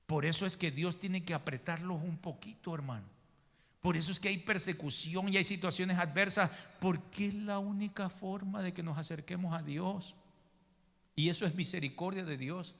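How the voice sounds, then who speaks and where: A man's voice: high voice, normal speed, a bit bright, long reverb tail. A male pastor preaching a sermon in church, emphatic, calling his listeners brother and acting out the people in his stories. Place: church sanctuary.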